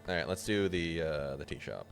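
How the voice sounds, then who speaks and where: A man's voice: very deep voice, animated, normal speed, gravelly, soft background music. A man streaming a video game, reading its text aloud casually with muttered asides and swearing.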